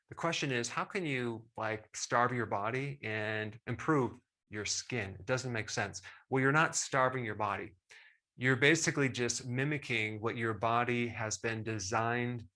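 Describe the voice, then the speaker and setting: Middle-aged guy doing a health talk to camera, bright voice, pumped and emphatic. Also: medium pitch. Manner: enthusiastic, emphatic, talks straight to viewer with asides. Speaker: health educator host.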